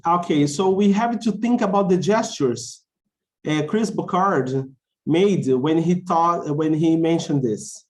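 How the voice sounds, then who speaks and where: A man's voice: a little high, slow, darkish tone. A man teaching a class, explaining things simply, repeating key phrases and checking that learners follow. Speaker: English teacher of a conversation class. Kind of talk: instructional lesson, explaining simply with check questions.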